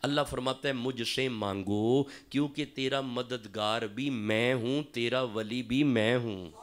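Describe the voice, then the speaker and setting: A man with a Pakistani accent preaching a fiery sermon to a gathering, calling out questions to the crowd and slowing down to recite verses. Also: mid-range voice. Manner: fiery, calls out to audience for responses, slows for recitation. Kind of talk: religious sermon.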